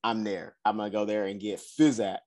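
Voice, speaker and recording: A man's voice: fairly low pitch, level tone, a little fast, a little mellow. A man co-hosting a podcast in casual chat, laid-back and slangy, swearing freely. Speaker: podcast co-host.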